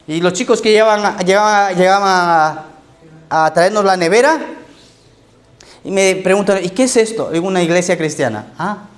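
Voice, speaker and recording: A man's voice: sits high, normal speed. A male pastor, preaching in a conversational sermon style and often checking in with "¿ok?".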